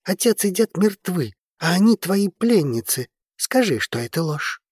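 A man's voice: high voice, sing-song, measured pace, darkish tone, slightly rough, no echo, studio quality, voice pushed up, full character voice. A man voicing a defiant, angry teenage boy in an audiobook, his tone heated and stubborn. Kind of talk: audiobook character reading.

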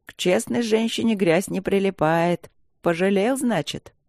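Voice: medium pitch, a little slow, vocal fry, a little mellow, no room sound, studio quality, pitched above the performer's own voice. A reader voicing a blunt, worried older mother who scolds her grown daughter tenderly, in an audiobook. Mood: teasing. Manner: plain-spoken, scolding and tender.

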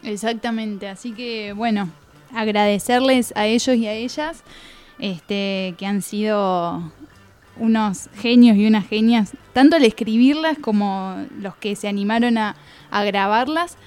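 Soft-spoken Argentine teacher co-host. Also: female voice, mid-range voice, a little slow, smooth, soft background music. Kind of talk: casual radio co-hosting.

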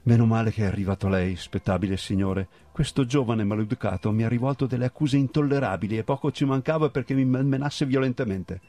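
A man's voice: medium pitch, fast, hardly any pauses, dark tone, close to an everyday voice. A man doing an indignant blustering Santa Claus. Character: furious proud old Santa Claus.

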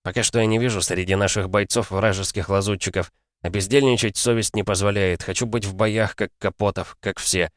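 A man's voice: on the low side, fairly even intonation, a little fast, dry recording, studio quality, natural voice. A man voicing an earnest, idealistic young male lieutenant who speaks solemnly.

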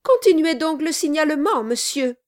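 A woman reading an audiobook, voicing a sharp-tongued, impatient older mother-in-law. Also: high-pitched, big pitch swings, measured pace. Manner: curt, impatient.

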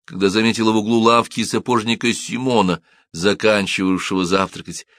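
A man narrating an audiobook in an expressive, dramatic reading style. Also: lowish voice, brisk, no room sound, clean studio sound.

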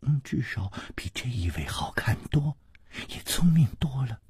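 A smug little servant boy, acted by a male storyteller teases and sneers, sliding between a low murmur and bright jabs. The husky voice is close and dry. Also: sing-song, unhurried, no room sound, heavily acted. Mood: sly, teasing. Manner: teasing, smug, soft sneering asides. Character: sly, mocking boy servant.

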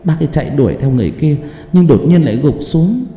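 A tearful young woman spills out a horrifying account in a high, rushed, pleading voice, as a man puts her on. The sound rings in a long, echoey hall with faint music underneath. Her telling swings widely in pitch as she panics. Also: lively intonation, mellow. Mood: distressed. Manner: breathless, pleading rush. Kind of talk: horror story narration.

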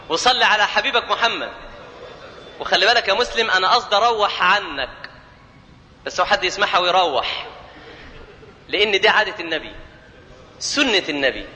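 High bright-voiced Egyptian preacher. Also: male voice. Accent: Egyptian Arabic. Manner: jokey, asks the audience questions, chants scripture. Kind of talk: lively colloquial sermon. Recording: long hall reverb.

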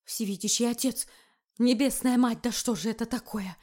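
A woman's voice: a little high, steady tone, normal speed, darkish tone, natural voice. A woman voicing a frightened, fussy male royal barrister who mutters complaints. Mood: panicked muttering. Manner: muttering, panicky.

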